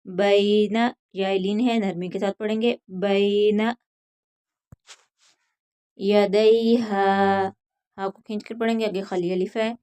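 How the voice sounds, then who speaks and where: A woman teaching tajweed, reciting verses in a drawn-out chant and then explaining each letter rule in quick spoken lines. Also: medium pitch, steady tone, a little mellow. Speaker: Quran teacher.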